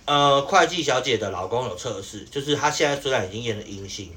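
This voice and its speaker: Young guy venting about work on a podcast, talks super fast, faint background hiss. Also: medium pitch, lively intonation, bright, forceful tone. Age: young adult. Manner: fast, exasperated storytelling with many fillers. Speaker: podcast co-host telling a work story. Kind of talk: casual chat.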